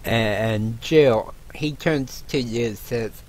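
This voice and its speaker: A man narrating a tabletop game as game master, halting with frequent restarts. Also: mid-range voice, darkish tone. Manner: halting, many restarts and laughs.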